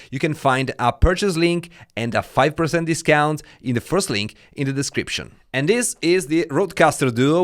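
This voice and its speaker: A man's voice: fairly high pitch, fairly bright tone, clear, resonant tone. A man with an Italian accent, a native Italian speaker, talking casually as a tech reviewer, with frequent fillers and hesitations, recorded on a dynamic studio mic. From Italy. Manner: chatty, many fillers like "uh" and "like". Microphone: dynamic studio mic through an audio dock.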